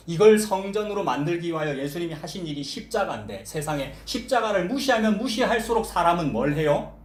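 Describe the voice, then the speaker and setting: A male pastor delivers a lively sermon, his voice leaping up and down as he acts out quoted lines and fires questions at the congregation. His voice sits a little high for a man. The sound rings around an echoey church hall. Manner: animated preaching, quoting voices and asking the congregation questions. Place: church sanctuary.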